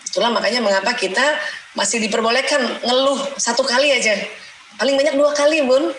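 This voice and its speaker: A woman's voice: fairly high pitch, fairly quick, a bit bright. Chatty woman doctor lecturing parents. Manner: chatty, asks and answers her own questions, acts out parents' lines. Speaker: doctor giving a parenting talk. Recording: echoey room, faint ambient noise.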